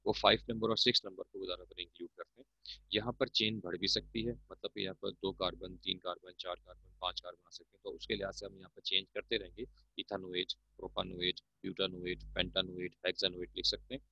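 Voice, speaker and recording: A man's voice: low voice, flat delivery, fast talker, vocal fry, pushed and bright, no echo. A man with a Pakistani Urdu accent teaching chemistry, explaining patiently and calling his students "beta". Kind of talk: classroom lecture. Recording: muffled, dull lo-fi recording.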